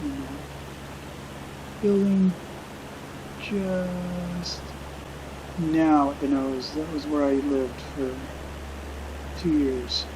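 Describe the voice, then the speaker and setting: A middle-aged man narrates his flight simulator game casually. He is musing and hesitant, in a slightly higher than average voice, with noticeable engine drone behind him. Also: background noise. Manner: hesitant, musing, unhurried reminiscing. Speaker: video game streamer flying a simulator. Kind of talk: casual unscripted gameplay commentary.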